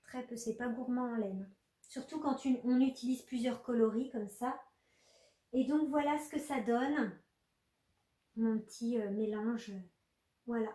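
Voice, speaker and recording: A woman's voice: on the high side, a little slow, long pauses, dark tone, echoey room. A woman chatting casually with viewers in a knitting vlog, full of fillers and restarts. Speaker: knitting podcaster.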